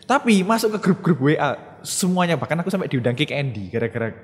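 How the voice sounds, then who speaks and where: Young content creator guest, Surabaya accent, quick and chatty; reverberant room. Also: male voice, on the high side, big pitch swings, a loud crowd. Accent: Surabaya Javanese. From Surabaya, East Java. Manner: quick, chatty, laughs at himself. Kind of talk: casual interview chat. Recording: long hall reverb.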